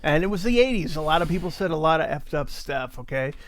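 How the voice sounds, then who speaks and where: Man, podcast host, slightly high voice, rambling, crude banter, mimicked quotes, improvised comedy. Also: animated, quick pace.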